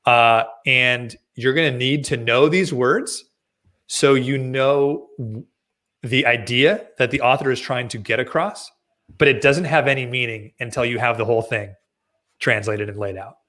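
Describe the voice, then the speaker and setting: A man's voice: medium pitch, unhurried, a bit bright. A man co-hosting a casual podcast discussion, emphatic and often restarting his sentences. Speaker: podcast co-host.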